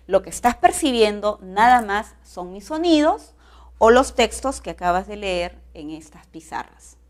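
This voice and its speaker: Give me a woman teaching an online class, explaining patiently with frequent rhetorical questions. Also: mid-range voice.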